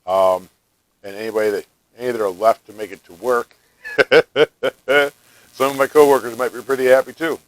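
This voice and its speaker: A man from the United States casually chatting through a home cooking vlog, relaxed and talkative, often tasting food while he speaks. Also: medium pitch, normal speed, rough recording. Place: home kitchen.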